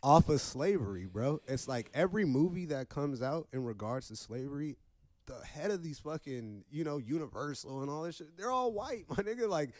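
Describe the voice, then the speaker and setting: A man's voice: mid-range voice, animated, moderate pace, a little mellow, no echo. Blunt, profane young man on a podcast. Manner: blunt, profane, gets heated. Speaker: podcast co-host. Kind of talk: casual podcast chat.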